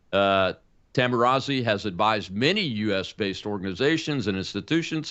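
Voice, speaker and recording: A man's voice: medium pitch, fairly bright tone, muffled recording. A man in his sixties hosting a political talk show, speaking emphatically with frequent fillers and restarts. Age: 60s.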